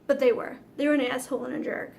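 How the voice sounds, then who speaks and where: A woman's voice: high-pitched, little pitch movement, fast, vocal fry, darkish tone. A woman vlogger telling a personal story to camera in a chatty, dramatic way, swearing freely.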